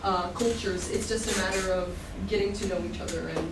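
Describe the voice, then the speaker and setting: A woman speaks fast and steadily in a mid-range voice, interpreting for a group in short spoken passages. The event room is echoey, and the distant mic picks up loud noise and clicks.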